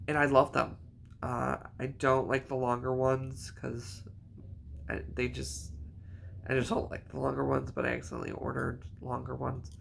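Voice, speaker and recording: Slow easygoing guy rambling about his knitting, keeps correcting himself, real creaky voice. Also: mid-range voice, a bit bright, slight background noise. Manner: rambling, chatty, self-correcting. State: hiccups. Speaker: knitting vlogger. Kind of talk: casual chat.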